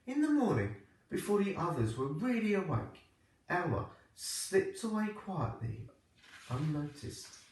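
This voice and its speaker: A man reading a children's storybook aloud like a primary teacher, with expressive, deliberate phrasing. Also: high voice. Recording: echoey room, distant microphone.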